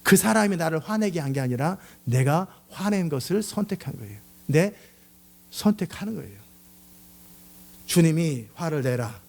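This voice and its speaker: A man's voice: a little high, gravelly. A middle-aged male pastor preaching a sermon, acting out angry outbursts and jokes as he goes. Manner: animated, acts out angry outbursts and shouts.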